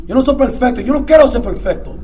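A middle-aged man from the Dominican Republic gives a casual testimony about his recovery, speaking Spanish sprinkled with English fillers. His very high-pitched voice is animated and quick, and his talk is repetitive, full of stammers and repeated words, shifting between quiet murmurs and loud outbursts.

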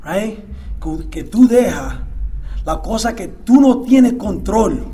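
A middle-aged Dominican man telling his recovery story in casual, repetitive talk, dropping English fillers into his Spanish and swinging between quiet murmurs and loud outbursts. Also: high voice, expressive, slow pace. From Dominican Republic. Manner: mixes English fillers into Spanish, stammers and repeats words. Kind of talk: casual testimony.

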